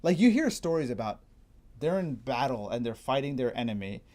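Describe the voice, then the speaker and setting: A man's voice: mid-range voice, very animated, a little fast, a little mellow. A man hosting a casual chat, explaining things at length, laughing often and trailing off mid-sentence. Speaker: fitness trainer and host.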